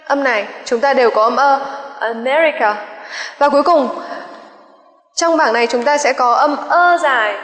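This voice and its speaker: A woman's voice: sits high, fairly bright tone. A woman teacher giving a pronunciation lecture, saying each example word twice and checking with students through polite questions. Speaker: English teacher. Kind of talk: exam-prep pronunciation lecture. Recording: echoey room with long reverb.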